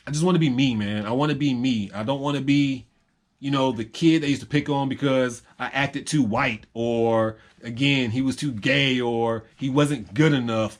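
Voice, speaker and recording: A young man in a rambling, reflective personal monologue to camera, full of ums and repeated phrases. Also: mid-range voice. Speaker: vlogger.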